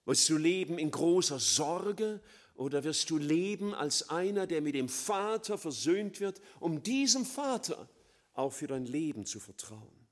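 A man preaching a sermon, swinging between loud emphatic lines and quiet, low, slow passages. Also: sing-song.

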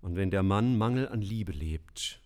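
A middle-aged man preaching a sermon in a lively, emphatic way, with humorous asides. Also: low-pitched, a little slow.

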